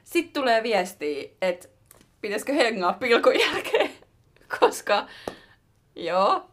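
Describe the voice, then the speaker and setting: A woman's voice: on the high side, sing-song, fairly bright tone. A young woman co-hosting a podcast, chatting casually and telling stories with laughter and slangy swearing. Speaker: podcast co-host. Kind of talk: casual chat.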